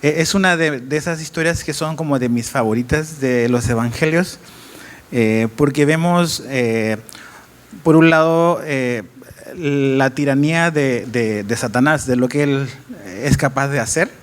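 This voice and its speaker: A man's voice: mid-range voice, a little slow. Hesitant male pastor preaching a sermon. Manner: hesitant, many fillers and restarts. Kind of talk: sermon with scripture reading. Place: church.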